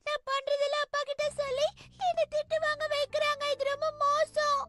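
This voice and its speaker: A woman's voice: very high voice, monotone, a little fast. A woman voicing a stubborn little cartoon girl who whines, complains and talks back defiantly. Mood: sulky. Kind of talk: animated cartoon dub acting. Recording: loud background cartoon music.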